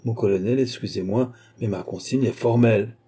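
A man with a husky, dark voice reading a rigid palace lieutenant who speaks stiffly and formally. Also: mid-range voice, brisk. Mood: firm.

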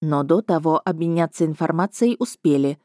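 Low-voiced woman reading an audiobook. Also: normal speed, dark tone, dry recording, studio quality. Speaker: audiobook narrator. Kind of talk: audiobook narration.

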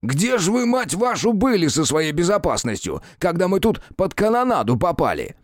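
A man voicing a gruff male police detective who shouts and curses in raised bursts. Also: fairly high pitch, big pitch swings, measured pace, no echo, clean studio sound, pitched above the performer's own voice. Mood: furious. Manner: bellowing, cursing.

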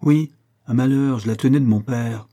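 A man's voice: medium pitch, moderate pace, dark tone, lightly acted. A man reading aloud and voicing a touchy older bachelor in raised, wounded outbursts. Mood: indignant.

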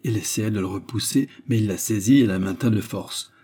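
A man giving a measured, steady scripted narration of a novel as an audiobook narrator. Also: on the low side, husky.

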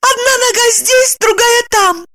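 A woman voicing a desperate, naive young woman in love, with shrill, pleading exclamations. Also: a little slow, pushed and bright, exaggerated voice. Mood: elated. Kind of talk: audiobook narration with voiced characters.

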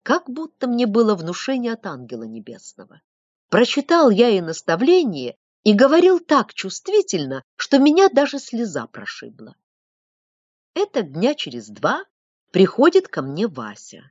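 A woman's voice: on the high side, huge pitch swings, normal speed, a little mellow, no room sound, voice pushed up. A woman reading an audiobook, voicing a staid middle-aged townsman who tells his tale in a sanctimonious, moralizing way. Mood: self-righteous. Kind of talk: audiobook reading of a classic story. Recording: dull lo-fi dry recording.

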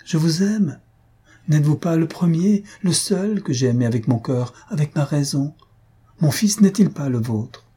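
Melancholy noblewoman from a storybook read by a man, husky and soft-toned, pleading and tired. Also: mid-range voice, animated, a little slow. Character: weary melancholy noblewoman longing for convent.

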